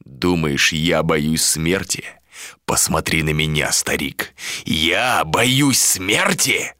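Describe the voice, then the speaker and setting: A man's voice: a bass voice, fairly even intonation, slow pace, bright, forceful tone, smooth, no room sound, clean studio sound, pitched below the performer's own voice, full character voice. A man voicing a harsh, curt male sea captain and warrior in an audiobook. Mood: stern. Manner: curt, commanding.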